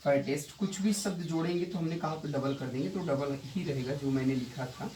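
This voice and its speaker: A male English grammar teacher giving a classroom lesson, repeating key points and quizzing his students with quick rhetorical questions. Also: fairly high pitch, darkish tone. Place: coaching institute classroom. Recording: echoey room, distant mic, faint noise.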